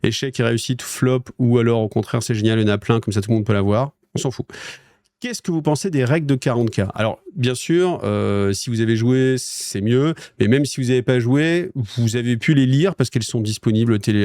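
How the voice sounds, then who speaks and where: A man's voice: on the low side, warm tone, dry recording. A French man hosting a wargaming news show, chatting casually with viewers in a rambling way, with lots of fillers and restarts. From France.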